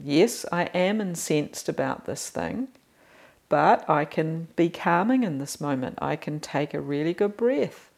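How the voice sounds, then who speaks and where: A woman, a therapist co-hosting a podcast, speaking in a calm, measured and gently instructive way. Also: low voice, creaky. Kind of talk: casual podcast chat.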